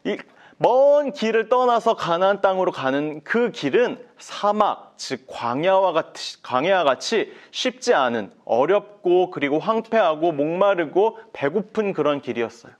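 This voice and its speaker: A male pastor telling a Bible story to children, animated and asking his listeners questions. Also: high-pitched, measured pace.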